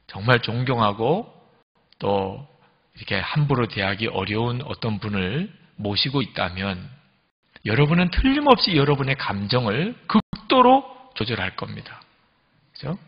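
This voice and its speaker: Middle-aged male pastor, earnest confessional sermon, husky voice, long hall reverb, dull lo-fi sound. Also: medium pitch. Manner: earnest confessional preaching with sudden emphatic rises. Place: church sanctuary.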